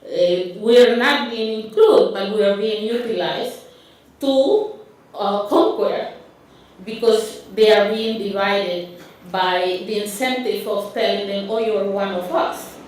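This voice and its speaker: A woman from Honduras, medium in pitch and a little mellow, speaks with a Honduran Spanish accent during a conference talk with slides. She halts often, with many fillers and restarts, and the mic picks her up from far away in a roomy hall.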